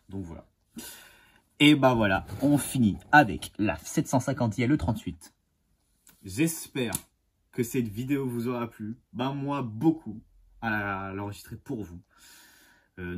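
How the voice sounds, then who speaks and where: Man, husky collector-host, eager and halting delivery, mid pitch. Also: animated. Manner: enthusiastic and halting, with many fillers and restarts. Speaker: die-cast model car collector and channel host. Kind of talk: casual unboxing vlog.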